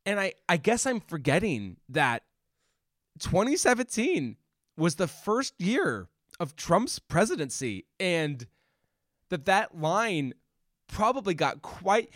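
A man's voice: sits high, slow, no echo, clean studio sound. A man co-hosting a podcast, chatting casually about a movie and restarting his sentences often. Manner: rambling, restarts often, animated. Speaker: podcast co-host. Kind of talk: casual movie review chat.

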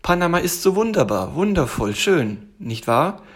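A man puts on a small male tiger cub who gushes with wide-eyed delight at everything. The voice sits higher than plain talk and carries a husky grain. It is read as a cozy bedtime storybook. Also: very animated, moderate pace, exaggerated voice.

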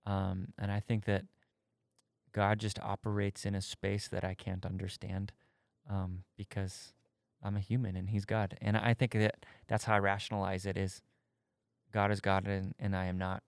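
On the low side and gravelly, this man's voice keeps a level tone at normal speed, with no room sound. He's a podcast co-host in his thirties, casually and candidly explaining his faith, thoughtfully searching for his words.

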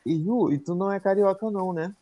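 A man's voice: sits high, quick pace, warm tone, no room sound. A man hosting a casual interview in a laid-back, slangy way.

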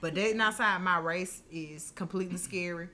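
Bright-toned joking woman co-host. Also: on the low side, normal speed. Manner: laughs often, loose and joking. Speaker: podcast co-host. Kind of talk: casual chat.

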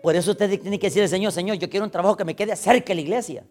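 Man, Salvadoran accent, pastor, sermon, storytelling, slightly high voice, faint music behind. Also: rapid-fire, darkish tone. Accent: Salvadoran Spanish. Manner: storytelling, acting out dialogue, frequent "hermano" and "¿va?".

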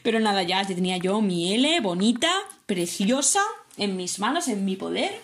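A young woman with a Spanish accent from Spain, telling a story to her vlog audience in a lively, casual way, acting out quotes and swearing freely. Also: mid-range voice, moderate pace, slight background noise. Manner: animated, swears often, acts out quotes. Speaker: vlogger. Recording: echoey room.

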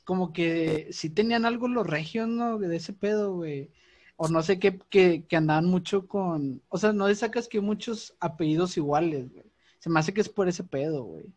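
A man talks in casual, slangy chat with a northern Mexican accent from Monterrey. His voice sits a little higher than average, and he swears freely. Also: a little mellow. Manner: slangy, profane banter.

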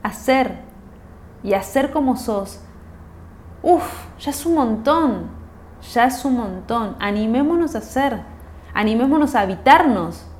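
A woman's voice: fairly high pitch, animated, measured pace, long pauses, darkish tone, slight background noise. A woman with a Rioplatense accent hosting a self-help podcast, reflective, repeating phrases and asking herself rhetorical questions. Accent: Rioplatense Spanish. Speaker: podcast host.

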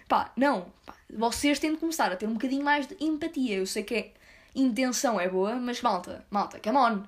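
A woman with a European Portuguese accent talks straight to her viewers in a loose, slangy rant. Her voice sits a little high, and she rambles, then punches words hard. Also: a little fast. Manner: slangy, rambling, blunt, with sudden emphatic outbursts. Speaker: vlogger.

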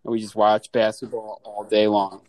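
A man's voice: on the low side, flat delivery, normal speed, darkish tone, no room sound. Laughing, swearing man in his thirties. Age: 30s. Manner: laughs often, swears, acts out family scenes. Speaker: podcast host. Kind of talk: casual chat.

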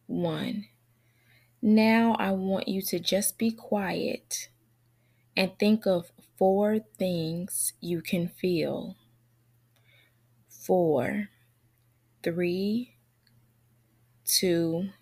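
A woman podcast host leading a calm grounding exercise, giving measured instructions with long pauses. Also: fairly low pitch, vocal fry.

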